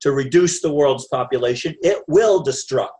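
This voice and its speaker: A man from New Jersey hosting a casual chat, speaking in short, measured remarks. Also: a little high, a little mellow.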